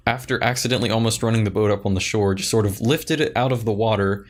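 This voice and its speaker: A man's voice: fairly low pitch, fast, slight background noise. A young man co-hosting a podcast in casual chat, blunt and grumbling about people. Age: young adult. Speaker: podcast co-host.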